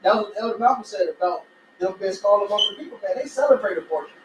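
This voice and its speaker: A man's voice: sits high, expressive, very fast, noisy background. A man in a heated religious group discussion, talking vehemently and preachily, piling up "you gotta" and "man.". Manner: vehement, preachy, repeats 'man' and 'you gotta'. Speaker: discussion participant. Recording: echoey room, voice from a distance.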